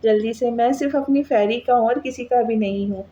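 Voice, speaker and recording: Woman reading a loving, protective young brother, fond scolding; mellow and soft. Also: very high voice, a little fast, muffled recording.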